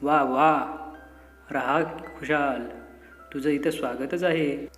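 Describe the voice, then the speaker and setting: Kindly old mountain voiced by a man, fatherly storybook voice, slightly high, echoey room, faint music. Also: steady tone, unhurried, lightly acted.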